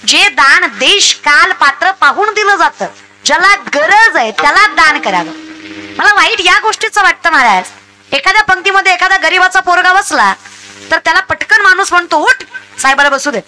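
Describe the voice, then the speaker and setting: A woman's voice: very high voice, expressive, normal speed, bright, forceful tone, slight background noise. A woman preaching a comic devotional sermon, scolding the crowd and mimicking villagers. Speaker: kirtan preacher.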